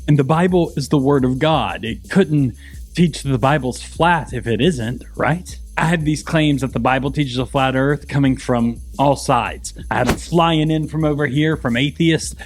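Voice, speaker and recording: A man's voice: mid-range voice, normal speed, faint music behind. A man hosting an explainer video, delivering scripted commentary in an emphatic, sarcastic way with rhetorical questions. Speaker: host of a Bible-explainer video channel.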